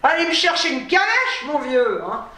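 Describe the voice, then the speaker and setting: Tired, chatty woman vlogger, high-pitched, exasperated asides, recorded in a booming room. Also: big pitch swings, moderate pace, sharp tone, far from the mic, slight background noise. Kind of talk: casual storytelling to camera. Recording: very echoey room, off-mic.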